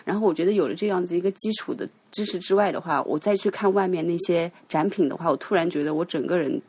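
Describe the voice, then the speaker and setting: Brisk, low-voiced woman co-host. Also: a little mellow, slightly rough. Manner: brisk and playful, teasing. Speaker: podcast co-host. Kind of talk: casual chat.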